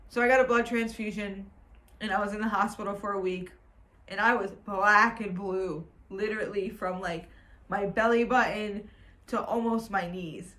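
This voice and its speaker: A woman's voice: medium pitch, sharp tone. A woman in her twenties telling her own story at home in a candid, emotional, rambling way. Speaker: vlogger. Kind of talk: personal vlog storytelling. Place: at home indoors.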